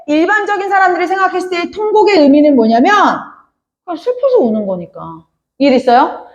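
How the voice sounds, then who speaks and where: A woman teaching a classroom literature lecture, often calling out to her students and asking whether they understood. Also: high voice. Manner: addresses students often, asks many check questions.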